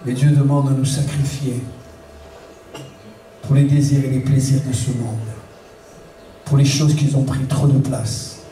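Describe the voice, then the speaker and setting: A man preaching a sermon as pastor, animated, acting out little scenes and shouting warnings. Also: mid-range voice, measured pace, pauses often, slight background noise. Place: church hall. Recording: echoey church room from far off, faint ambience.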